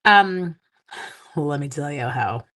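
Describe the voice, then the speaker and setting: A sleepy, groggy woman with a low, fairly bright voice speaks slowly but animatedly while hosting a casual crafting live stream. She chats with viewers as she works on a demo, adding playful little sound effects.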